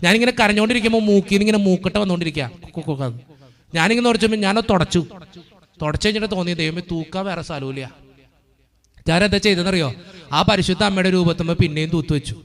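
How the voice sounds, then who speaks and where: Priest giving a sermon, high voice, goes from soft storytelling to loud and fired up. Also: male voice, very fast. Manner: swings from soft storytelling to loud impassioned preaching. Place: church courtyard.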